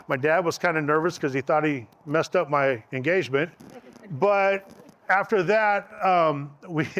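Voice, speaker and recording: A man's voice: a little high, fairly bright tone, highs cut off. Rambling middle-aged man telling a story. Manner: rambling, filler-heavy, with frequent restarts. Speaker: groom telling his engagement story. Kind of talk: casual storytelling.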